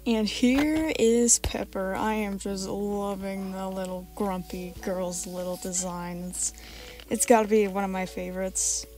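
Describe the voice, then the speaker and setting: A woman with a raspy voice giving a casual, informal vlog voice-over about her art, rambling and hesitant as she goes. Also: mid-range voice, fairly even intonation, a little slow, over music. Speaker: artist presenting original character redesigns.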